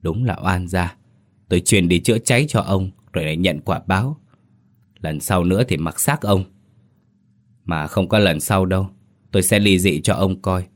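A sharp-tongued wife scolds her cheating husband in quick, rushed bursts, as a man reading the tale gives her voice. The tone stays low and heavy, clipped and biting. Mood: scolding. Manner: nagging, snapping, rushed. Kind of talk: storytelling.

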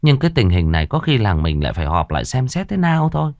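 Man voicing an indignant gossiping villager, higher voice, lively, ghost story. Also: fast talker, dry recording, studio quality.

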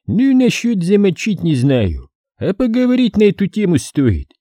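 A man voicing a high-pitched sly militant. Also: wildly swooping pitch, normal speed, dark tone, no room sound, studio quality, heavily acted. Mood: mocking. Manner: mocking, commanding, feigning surprise. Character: menacing armed male militant captor, sly. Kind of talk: audiobook character reading.

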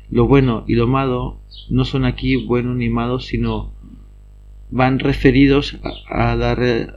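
A man's voice: mid-range voice, darkish tone, slight background noise. Man reading study notes, slightly muffled. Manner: reads steadily with frequent slips and restarts. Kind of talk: reading lecture notes aloud. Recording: slightly dull lo-fi recording.

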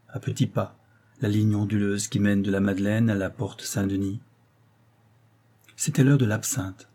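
Dark-voiced male audiobook narrator. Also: fairly low pitch, slightly rough. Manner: measured, even storytelling. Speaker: audiobook reader. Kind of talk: scripted narration of a novel.

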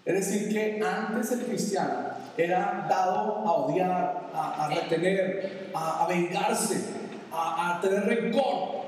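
A man's voice: sits high, slow pace, a little mellow. A male pastor preaching a sermon, reading Bible verses and explaining them to the congregation with everyday examples. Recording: roomy reverberant hall, distant mic, faint background noise.

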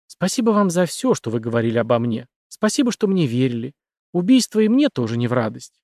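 Man voicing a cold, calm female killer. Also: medium pitch, a little fast, no room sound, clean studio sound. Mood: calm menace. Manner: soft, composed, menacing.

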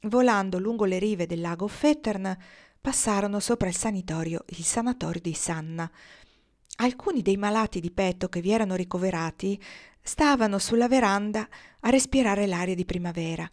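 Woman narrator, storybook reading, measured pace, expressive, mid-pitched voice. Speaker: audiobook reader.

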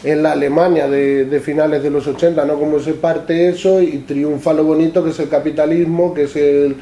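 Presenting his books to an audience, a Manchegan author speaks in an echoey event room during a public talk, stumbling along, repeating words and adding "¿no?" again and again. His voice is on the high side, mellow and flat in delivery, with a little hiss or hum audible.

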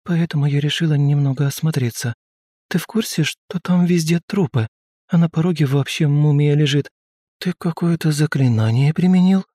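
A man's voice: on the high side, moderate pace, dry recording, studio quality, pitched above the performer's own voice, lightly acted. Man doing a frightened young noblewoman whispering. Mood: anxious whisper. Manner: hushed, uncertain, breathy. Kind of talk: audiobook character voice.

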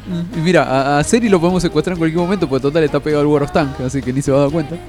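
A man co-hosting a podcast, dropping wry, deadpan jokes in casual chat. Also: a little high, racing, soft background music. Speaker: podcast co-host.

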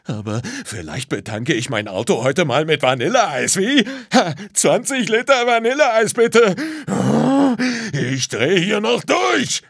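A man's voice: high voice, very animated, takes it slowly, creaky, fairly bright tone, slightly rough, no room sound, voice pushed up, exaggerated voice. A man voicing a frantic male driver who rants sarcastically, close to losing it. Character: frantic male driver late for his ship.

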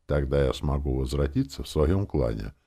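Мужчина-чтец озвучивает призрачную молодую жену-эльфийку из аудиокниги, которая говорит то умоляюще, то строго. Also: male voice, extremely low pitch, animated, moderate pace, mellow, heavily acted. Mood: firm. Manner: pleading, then stern. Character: ghostly young elf wife, gentle but firm.

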